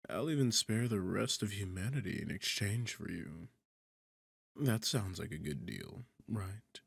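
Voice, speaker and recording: In an intimate fantasy audio roleplay, a man plays a sardonic demon king with a low, gravelly voice, recorded close and dry. Heavily acted, animated and a bit bright, he speaks a little slowly, teasing and condescending with bored, seductive arrogance in a coaxing mood.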